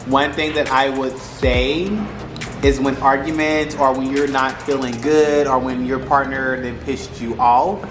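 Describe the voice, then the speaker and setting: A man talking casually to camera in slangy, rambling speech, repeating phrases for emphasis as he gives advice. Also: medium pitch. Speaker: vlogger giving relationship advice. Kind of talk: casual mukbang chat to camera. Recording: roomy echo with music behind. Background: music.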